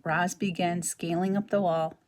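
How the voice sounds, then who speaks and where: A woman teacher reading a children's novel aloud, with expressive storytelling that drops to a whisper at tense moments. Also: fairly low pitch, unhurried.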